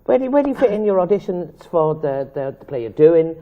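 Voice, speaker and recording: A man's voice: a little high, big pitch swings, a little fast, narrow, tinny audio. An Irish man hosting a talk show, playful and teasing, rambling through his questions. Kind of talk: casual chat interview.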